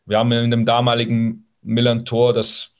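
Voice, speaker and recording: A man's voice: medium pitch, monotone, moderate pace. A man in his forties from Swabia with Italian roots, a former professional footballer giving reflective interview answers, thoughtful and hesitant with frequent fillers. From Swabia, Germany, Italian roots.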